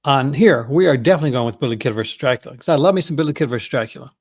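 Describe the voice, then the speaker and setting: Chatty guy w a newfoundland accent, medium pitched voice, rambling casually about his collection like a vlogger. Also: lively intonation, very fast, a little mellow, husky. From Newfoundland, Canada. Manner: chatty, folksy, enthusiastic asides. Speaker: host of a movie-collecting vlog. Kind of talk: casual unscripted chat.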